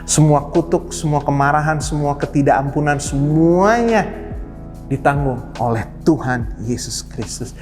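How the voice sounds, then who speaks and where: A man's voice: on the high side, measured pace, darkish tone. A male pastor giving a casual online sermon, slangy and playful, dropping in English phrases. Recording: long reverb with faint music.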